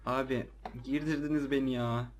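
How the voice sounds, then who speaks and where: Playing a horror game, a let's play gamer gives casual, slangy commentary to his viewers, jumpy and easily startled. He speaks at a moderate pace with a medium pitch and fairly even intonation.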